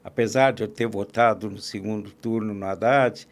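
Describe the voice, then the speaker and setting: A man's voice: fairly low pitch, steady tone, moderate pace. A man, a podcast guest who talks politics in a casual, opinionated way, often restarting his sentences. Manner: talkative, opinionated, frequent restarts and fillers. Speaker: podcast guest, columnist and agribusiness consultant.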